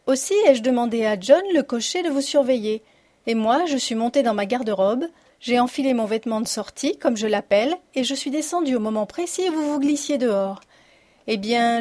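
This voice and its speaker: A woman's voice: on the high side, darkish tone, close to an everyday voice. A woman voicing a witty, confident woman reading out her farewell letter in an audiobook.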